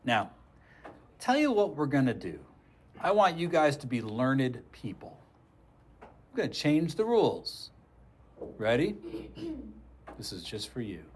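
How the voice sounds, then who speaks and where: A man's voice: fairly low pitch, slight background noise. A man teaching a physics class, joking with students while talking step by step through a worked example. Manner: joking, chatty, talks through arithmetic step by step. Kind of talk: classroom lecture, working an example.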